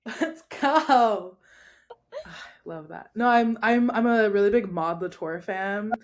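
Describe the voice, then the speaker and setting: A woman's voice: medium pitch, lively intonation, slow. Bubbly young woman hosting a podcast. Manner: bubbly, slangy, playful. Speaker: podcast host. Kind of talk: casual podcast chat.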